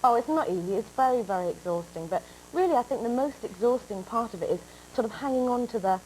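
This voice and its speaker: A woman's voice: on the high side, quick pace, slight background noise, low-quality recording. A woman in her twenties with an English accent, a guest telling stories in a talk show interview. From England. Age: 20s. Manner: animated storytelling, breaks into laughter. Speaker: actress guest.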